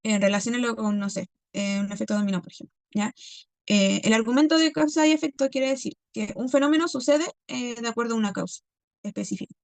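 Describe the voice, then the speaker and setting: A woman teacher reviewing a class lesson, checking in constantly with "¿ya?" and "¿cierto?" and pausing on many fillers. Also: a little high, gravelly, darkish tone, dry recording. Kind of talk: recorded class review lecture.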